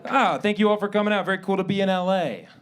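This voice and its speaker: A young man from suburban New York doing a stand-up set on a theater stage, animated and breaking into high-pitched character voices. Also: fast talker, background noise. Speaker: stand-up comedian.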